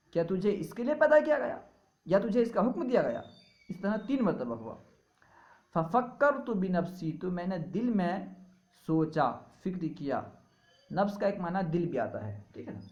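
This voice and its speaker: Man teaching word by word, higher-pitched. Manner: reads each phrase aloud, then explains it with rhetorical questions. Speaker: teacher of classical Arabic texts. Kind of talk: line-by-line translation lesson. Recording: dull lo-fi recording.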